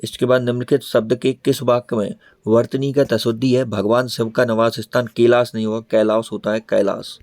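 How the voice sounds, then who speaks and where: A man's voice: medium pitch, little pitch movement, a little fast, few pauses, a little mellow, no room sound, clean studio sound. A man teaching an exam preparation lesson, repeating each answer and calling his viewers friends.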